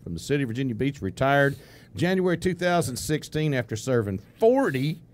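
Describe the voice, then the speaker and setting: A man's voice: mid-range voice, very animated, a little fast. A man hosting a live morning radio show in a studio, chuckling through loose, ad-libbed introductions of a guest. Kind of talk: casual live radio banter. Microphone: studio microphone with headphones.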